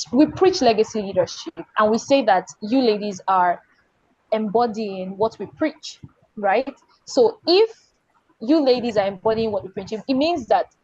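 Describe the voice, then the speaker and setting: A woman's voice: mid-range voice, darkish tone, no room sound, lo-fi sound. A woman hosting an online panel over a video call, circling back and restarting her questions. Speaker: panel host.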